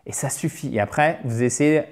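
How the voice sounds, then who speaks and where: A man teaching a relaxed online lesson, checking in often with a quick "ok?" and repeating key words slowly for drill. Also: mid-range voice. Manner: frequent "ok?" check-ins. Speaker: English teacher.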